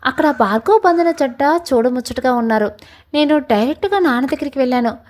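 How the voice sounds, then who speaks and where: A young woman with a high voice narrates a love story in the first person. Her reading is emotional and dramatic. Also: lively intonation, brisk, darkish tone, poor audio.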